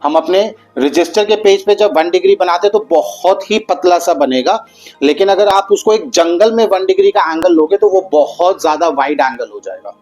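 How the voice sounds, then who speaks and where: A male math teacher explains geometry in a patient, encouraging way. His voice sits a little high for a man, and he drags out the important terms. Soft music plays faintly behind him. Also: lively intonation, low-quality recording. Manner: patient, addresses students as "beta"; slows down and stretches out key terms.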